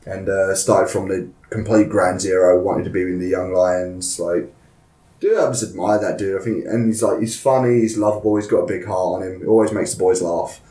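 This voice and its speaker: A man's voice: deep voice, fairly quick. Chatty Essex man in an echoey room. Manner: chatty, laughs often, lively storytelling. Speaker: professional wrestler, podcast guest. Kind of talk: casual podcast chat.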